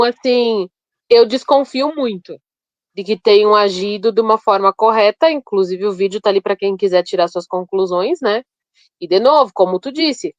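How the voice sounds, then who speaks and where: A woman's voice: mid-range voice, dry recording. A woman from Brazil, a podcast co-host giving her opinions frankly in a casual discussion. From southern Brazil. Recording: dry, dull lo-fi sound.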